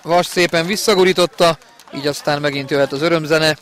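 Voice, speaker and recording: An excited male football commentator with a fairly high-pitched voice. He follows play in live sports commentary style, openly backing the home side and building toward big goal calls. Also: a faint crowd.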